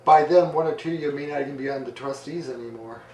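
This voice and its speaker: A man's voice: medium pitch, fast talker, dark tone. Man, radio host, chatty, wry, off-mic, echoey room, faint noise. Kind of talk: casual radio interview. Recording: echoey room, heard from far off.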